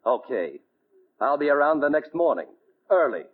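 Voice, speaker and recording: An actor playing a menacing small-time crook with an American accent, tough and slangy, in 1940s radio drama style. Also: male voice, fairly high pitch, sing-song, moderate pace, slight background noise. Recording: muffled tinny 1940 radio broadcast.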